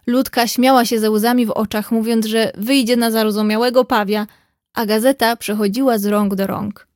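A woman narrating a classic novel in an even, clear storytelling manner into a close mic. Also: on the high side, no room sound. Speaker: audiobook reader.

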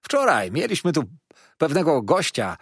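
Man doing a cheeky, loud young inn waiter, husky, bouncy delivery, audiobook. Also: fairly high pitch, huge pitch swings, normal speed, no room sound, clean studio sound, voice pushed up, heavily acted. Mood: teasing, boastful. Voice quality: jovial, teasing and loud. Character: chatty, boastful young male inn waiter. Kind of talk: audiobook character voice.

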